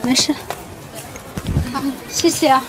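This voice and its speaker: A woman's voice: high voice, steady tone, slow pace, very noisy. A woman hosting a casual market vlog for Chinese learners, naming and repeating things simply as she goes. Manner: names and repeats items for learners. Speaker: vlog host teaching Chinese. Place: busy market, on location. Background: music.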